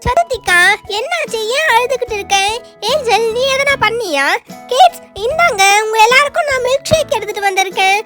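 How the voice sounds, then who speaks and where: A woman voicing a gentle, caring mother in a doll show, speaking in a soothing motherly way. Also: very high voice, expressive, moderate pace, over music.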